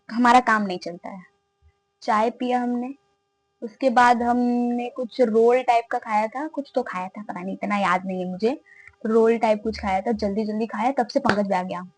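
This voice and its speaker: A woman's voice: a little high, rough recording. A young woman, casually telling a funny story and acting out her friends' lines. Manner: animated, laughing, acts out friends' lines. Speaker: vlogger.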